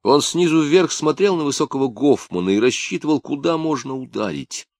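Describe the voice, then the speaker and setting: A man narrating a novel in a measured, even storytelling voice. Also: a little high, dry recording, studio quality. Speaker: audiobook narrator. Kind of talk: scripted narration.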